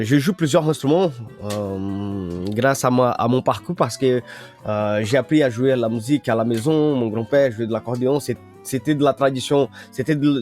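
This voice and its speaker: A man from northern Brazil whose first language is Portuguese, speaking as an interview guest. He talks hesitantly, stopping and restarting his sentences, at an ordinary pitch. Faint music plays under the conversation. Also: a little mellow. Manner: hesitant, many fillers and restarts. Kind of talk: radio interview.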